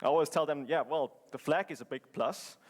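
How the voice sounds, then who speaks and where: Presenting in English in a conference hall, a man from Switzerland talks briskly in a slightly high voice. His delivery is casual and joking, with lots of fillers and false starts.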